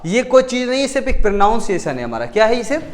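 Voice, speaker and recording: This man's very high-pitched voice swings widely in pitch and moves fast as he teaches chemistry in an informal classroom style. Asking and then answering his own questions, he repeats key terms and keeps correcting himself.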